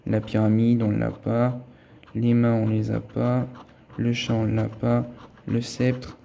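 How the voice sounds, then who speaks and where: Scratching lottery tickets, a vlogger thinks aloud as he checks every symbol and letter in a slow, totally flat, mellow voice of medium pitch with vocal fry. There's slight background noise behind his casual commentary.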